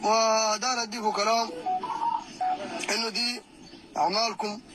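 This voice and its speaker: A man with a Sudanese accent delivering a heated, taunting rant that rises to shouts. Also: high voice, level tone, normal speed, over loud music, low-quality recording. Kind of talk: angry recorded rant.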